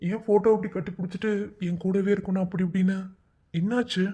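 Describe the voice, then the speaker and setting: A concerned young husband in an animated cartoon. His voice is husky and mellow, and he asks one anxious question after another. He stays gentle and sounds bewildered. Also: high voice, fast, faint music behind. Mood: worried.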